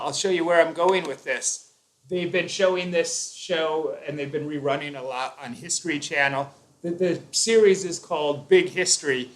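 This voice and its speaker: A man's voice: a little high, fairly bright tone. A man hosting a casual live stream, explaining his views at length with fillers and restarts.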